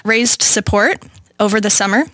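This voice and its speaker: A young woman co-hosts the show with dry, self-deprecating humor. Her voice sits at a medium pitch for a woman. The recording is close and dry. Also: moderate pace, a bit bright, no room sound. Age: young adult. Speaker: guest co-host and podcast producer. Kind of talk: casual podcast chat.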